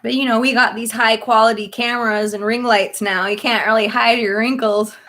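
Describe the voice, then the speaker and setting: A woman's voice: a little high, fairly even intonation, normal speed, a bit bright, slight background noise. A woman in her thirties hosting a casual livestream chat, chatty and rambling, laughing often between thoughts. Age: 30s. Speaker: livestream host.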